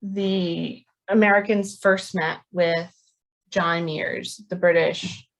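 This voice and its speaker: Woman, history lecturer, lower voice, halting and filler-heavy delivery. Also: steady tone, poor audio. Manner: hesitant, many ums and restarts. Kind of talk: academic talk.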